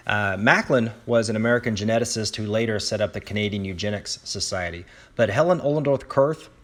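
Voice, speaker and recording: A man, a dermatologist, presenting a history lecture to colleagues at a conference, telling stories about notable figures. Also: medium pitch. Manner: admiring, storytelling lecture delivery.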